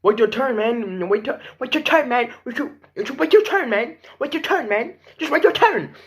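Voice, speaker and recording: Casting: man playing whiny schoolboy bully for a storytime vlog, pitched well up, swooping, nagging and repetitive. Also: lively intonation, normal speed, a bit bright, exaggerated voice. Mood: pushy, nagging.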